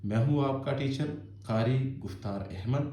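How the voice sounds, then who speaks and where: A man's voice: mid-range voice, dark tone. Patient male Quran teacher, echoey room. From Azad Kashmir, Pakistan. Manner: patient, repetitive explaining, stretching out each letter sound in melodic recitation. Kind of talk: Quran reading lesson for children.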